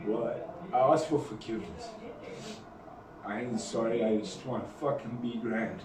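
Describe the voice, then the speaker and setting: A man making a halting, emotional confession, repeating words and swearing. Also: fairly low pitch. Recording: echoey room from far off, noisy.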